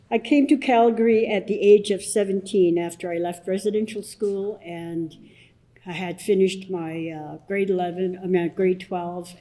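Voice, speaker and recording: Soft-spoken older woman elder, slow and halting. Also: medium pitch, rough recording. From Blood Tribe, southern Alberta, Canada. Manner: soft-spoken, halting, many pauses and restarts. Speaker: elder leading smudge ceremony. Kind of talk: opening blessing and explanation at a public assembly.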